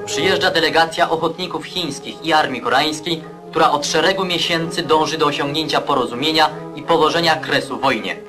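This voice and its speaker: A man's voice: fairly high pitch, brisk, hardly any pauses. A man narrating an old 1950s newsreel in a stern, declamatory voice. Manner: declamatory, stern propaganda delivery. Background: loud music score.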